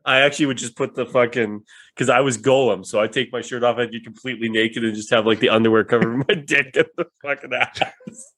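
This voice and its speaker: A man's voice: mid-range voice, fast talker, fairly bright tone. A young man chatting casually on a podcast with friends, joking and swearing. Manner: joking, swearing, does cartoon impressions. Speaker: podcast co-host. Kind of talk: casual chat among friends.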